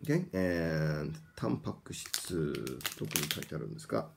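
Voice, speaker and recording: A man who is a native English speaker, teaching pronunciation in a small studio, switching between English and Japanese and repeating words slowly for drills. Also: a bass voice, vocal fry, noisy background. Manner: lively, slow drilled repetition. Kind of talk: bilingual pronunciation lesson.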